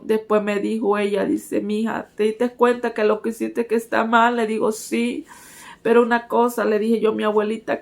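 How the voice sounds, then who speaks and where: A woman's voice: fairly high pitch, gravelly. A woman giving a personal religious testimony, earnestly speaking to her listeners as brothers and sisters.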